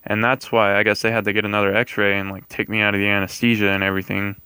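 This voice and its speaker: A man's voice: lowish voice, monotone, fast talker, pushed and bright, clean tone, no echo. A young man telling a personal story casually, in a rambling, hesitant way, often correcting himself. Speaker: vlogger.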